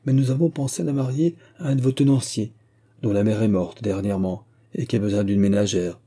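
A man reading an audiobook, voicing a scheming middle-aged mother who is the vicar's wife, eager and coaxing, with a dark, husky voice. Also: lowish voice, fairly quick.

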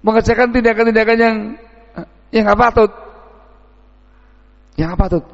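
A man preaches a dawn sermon. His voice is gravelly, and he acts out the people he talks about. The recording is dull and echoes in a large hall. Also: high-pitched, moderate pace. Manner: animated, mixes in Javanese words, mimics townsfolk.

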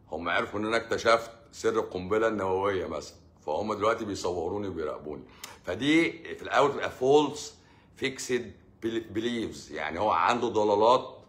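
Sarcastic egyptian man, deep bright voice. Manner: sarcastic, joking, acts out patients' lines. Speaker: doctor hosting a live stream answering comments. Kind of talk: casual live Q&A.

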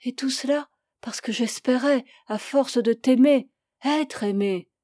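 A woman's voice: high voice, a little slow, dark tone, no echo, studio quality, pitched above the performer's own voice. A woman reading an audiobook, voicing an anguished young woman who is passionate and reproachful. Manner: impassioned, reproachful.

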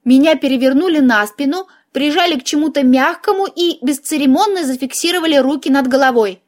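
A woman narrating a humorous fantasy audiobook in the first person, in a lively, ironic manner. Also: sits high, brisk.

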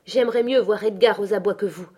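A woman voicing a proud, quick-tempered young woman in an audiobook, scornful and dramatic. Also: mid-range voice, a little mellow, close to an everyday voice. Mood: urgent. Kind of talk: audiobook character reading.

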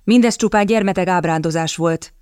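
A woman reading the part of a sulky, cowardly young gentleman who whines and stammers. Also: fairly low pitch, clear, resonant tone, dry recording, clean studio sound, close to an everyday voice. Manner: whiny, stammering.

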